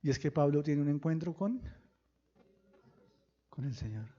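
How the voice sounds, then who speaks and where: A pastor preaching a sermon, firing questions at the congregation and breaking into sudden loud bursts. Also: male voice, on the high side, expressive, measured pace, dull audio. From Colombia.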